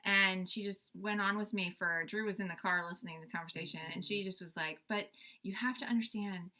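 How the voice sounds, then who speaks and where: A woman's voice: on the low side, steady tone, quick pace, pushed and bright. A young adult woman, a farm host, tells a story in a casual, chatty way. She laughs often and uses lots of fillers. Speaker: farm owner and show host.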